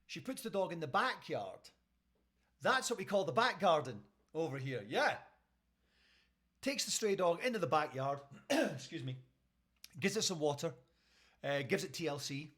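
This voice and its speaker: A man's voice: a little high, a bit bright. A Scottish man, a radio host, telling a story casually on a live stream and checking in with his listeners. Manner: chatty, keeps checking in with listeners.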